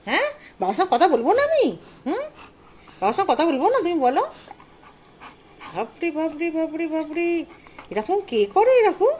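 A woman's voice: sits high, sing-song, fairly quick, pauses often, darkish tone, slight background noise. A young woman, chatting casually and cooing baby talk at her dog. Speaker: vlogger, dog owner. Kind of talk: casual chat with pet.

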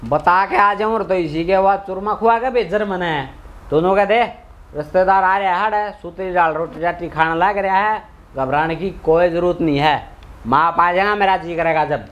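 A man acting a high-pitched, swaggering Haryanvi town drunk. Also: moderate pace, fairly bright tone. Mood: smug, stubborn. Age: young adult. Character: brazen drunken village son-in-law, stubborn and boastful. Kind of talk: Haryanvi comedy skit acting. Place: open concrete house courtyard, outdoors.

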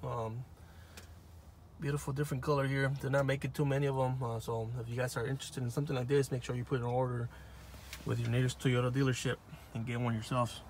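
A man's voice: mid-range voice, fast, slight background noise. Man filming a car walkaround on a phone. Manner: relaxed, offhand, talks to viewers directly. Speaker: car salesman showing a new car. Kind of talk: casual walkaround video. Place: outdoor car dealership lot and inside a car. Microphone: phone held in hand while filming.

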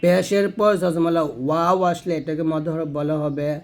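A man teaching Quran pronunciation, sounding out each Arabic letter slowly and then explaining how the tongue and throat should move. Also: on the high side, steady tone. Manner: self-corrects mid-lesson.

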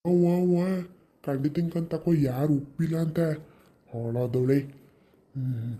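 A man playing an earnest village uncle with a dark tone. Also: mid-range voice, unhurried, slightly rough. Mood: scolding. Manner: earnest, pleading, scolding the aunt. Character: tearful, caring village uncle, middle-aged man. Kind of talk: village family skit.

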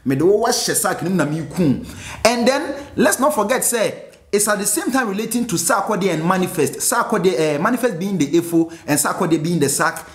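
Man, Ghanaian accent, excitable reaction commentary, slightly high voice, echoey room. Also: fairly quick. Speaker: music reaction host. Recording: roomy echo.

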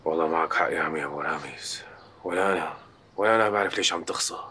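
An actor playing a respectful helper with a Syrian accent, reassuring and deferential. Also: male voice, extremely low pitch, very fast, pushed and bright, slight background noise, full character voice.

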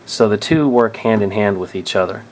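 A man's voice: lowish voice, moderate pace. A man explaining drone control settings in a casual tutorial, thinking aloud and often restarting or correcting himself. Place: indoors at a table.

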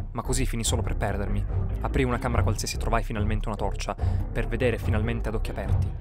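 A man narrating a first-person horror story with tense, dramatic delivery. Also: lowish voice. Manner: tense storytelling, bursts of shouting in quoted lines. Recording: music bed behind the voice. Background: music.

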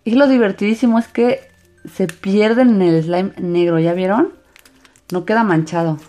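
A woman's voice: mid-range voice, moderate pace, warm tone. A woman narrating a hands-on craft video for children in an enthusiastic, sing-song way. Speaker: host of a slime craft channel. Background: background music.

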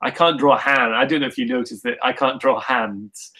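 A man who creates comics, talking about his work in a relaxed, thoughtful, self-deprecating way with frequent restarts. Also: mid-range voice, a little fast, rough recording. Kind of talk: casual conversation.

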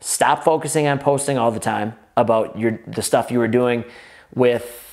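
An energetic man, a gym owner giving fitness business advice straight to the camera in run-on sentences full of restarts, seated at a table in an indoor office. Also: mid-range voice, moderate pace. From United States. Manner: energetic, run-on sentences with frequent restarts, gestures with both hands.

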